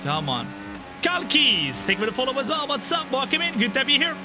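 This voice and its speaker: High-voiced joking young man streaming a race. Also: wildly swooping pitch, fairly quick, over music. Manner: joking, chatty, greets viewers. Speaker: game streamer. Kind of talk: live racing game commentary and chat. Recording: game engine noise behind voice. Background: racing car engine sounds.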